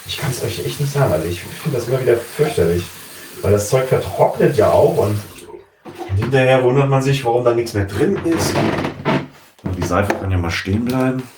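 A let's play commentator chats casually over a game in a mid-range voice with lively intonation, talking fairly quickly. He rambles, mutters to himself and swears now and then, recorded on a distant mic in a roomy space with a noisy background.

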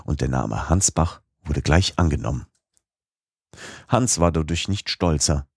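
Deep husky male audiobook narrator. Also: lively intonation, unhurried, no room sound, clean studio sound. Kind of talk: scripted narration of a classic novel.

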